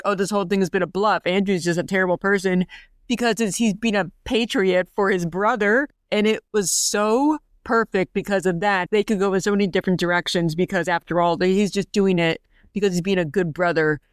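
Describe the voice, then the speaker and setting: A woman's voice: lowish voice, clean tone, dry recording, clean studio sound. A woman in her forties, a podcast co-host chatting casually, gushing and rambling with many fillers. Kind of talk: casual chat.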